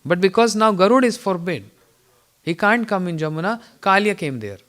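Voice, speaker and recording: A man's voice: sits high, animated, normal speed, fairly bright tone. Man giving a spiritual talk. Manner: storytelling with frequent throat clearing and chuckles. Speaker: spiritual teacher. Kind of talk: informal morning lecture.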